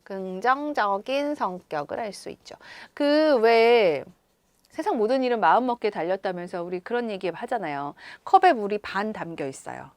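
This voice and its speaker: A woman teacher explaining a story to schoolchildren, expressive and full of questions to her pupils. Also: medium pitch, moderate pace, no echo. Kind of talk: reading-comprehension lesson.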